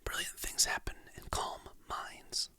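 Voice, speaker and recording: ASMR host who whispers throughout, crisp bright breathy tone, soft and encouraging. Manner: soft, relaxed, slow-paced, encouraging. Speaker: ASMR creator. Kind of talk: ASMR whispering, reading calming quotes.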